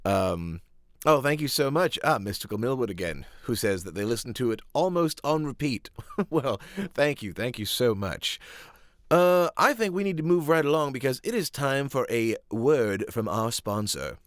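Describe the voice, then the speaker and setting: A man hosting a casual music live stream, talking in a halting, light-hearted, self-deprecating way. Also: medium pitch, very animated, no room sound, clean studio sound.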